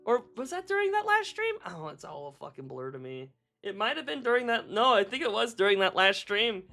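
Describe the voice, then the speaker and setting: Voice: mid-range voice, sing-song, a little fast, vocal fry, bright, forceful tone, soft background music. A streamer in casual live-stream chat, reading viewers' messages aloud, laughing often, swearing freely and rambling through self-corrections.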